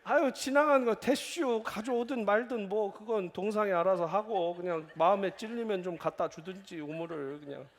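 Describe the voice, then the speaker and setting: A man voicing an easygoing countryman who talks in a slow, lazy drawl. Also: sits high. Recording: echoey church hall.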